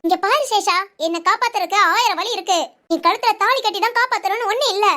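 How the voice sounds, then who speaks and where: Performer doing a defiant young bride, very high squeaky cartoon voice, sharp curt retorts. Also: fast talker.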